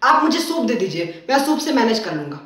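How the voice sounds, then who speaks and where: A man's voice: very high-pitched, very animated, a little fast, noisy background, voice pushed down. A man playing a greedy male customer who keeps demanding more chutney, in a whiny, insistent way. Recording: roomy, from far off.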